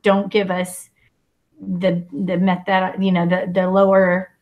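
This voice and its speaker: A woman hosting a panel discussion, giving shout-outs and thinking aloud with many fillers. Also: lowish voice, completely flat delivery, slow, muffled recording. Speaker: panel host. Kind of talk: moderating a panel.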